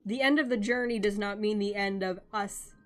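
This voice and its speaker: A woman streaming a game, chatting casually with viewers, excitable and chatty with quick reactions. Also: medium pitch, soft background music. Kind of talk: casual live-stream chat.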